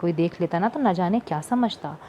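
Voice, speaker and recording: A woman's voice: on the low side, animated, fairly quick, warm tone, a little hiss or hum, lightly acted. A woman voicing a wry teasing young shopkeeper. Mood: coaxing. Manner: wry, mock-offended banter.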